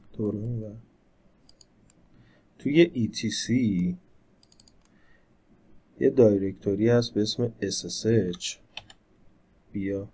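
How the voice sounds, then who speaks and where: A man's voice: mid-range voice, a little mellow. Casual male tech instructor explaining step by step. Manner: conversational, explains step by step while operating the computer. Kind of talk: screen-recorded tech tutorial.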